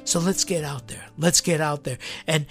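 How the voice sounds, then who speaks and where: A man's voice: on the high side, fairly even intonation, normal speed, creaky, a bit bright, soft background music. A man preaching a sermon with passion, repeating phrases for emphasis.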